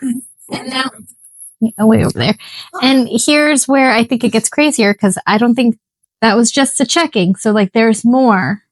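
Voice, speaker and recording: A woman's voice: a little high, measured pace, no echo, rough recording. A woman co-hosting a podcast, chatting casually in a rambling, self-deprecating, jokey way. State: just recovered from flu. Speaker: podcast co-host. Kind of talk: casual chat.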